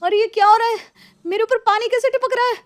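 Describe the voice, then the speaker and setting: A woman's voice: sits high, expressive, fairly quick, dry recording. A woman voicing a stubborn, defiant young daughter-in-law who complains indignantly.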